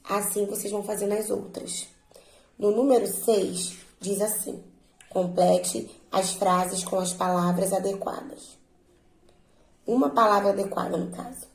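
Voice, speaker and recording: A woman teacher slowly and patiently walking her students through a worksheet, drawing out words to stress their syllables. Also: medium pitch, steady tone, echoey room, rough recording. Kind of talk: remote lesson walking students through exercises.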